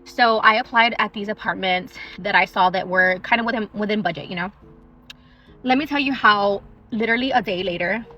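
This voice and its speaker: A young woman in a parked car telling a true story in a chatty, animated way, eating on her lunch break. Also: mid-range voice, fairly quick, dull audio. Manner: chatty and animated, eating while she talks. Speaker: social media storyteller.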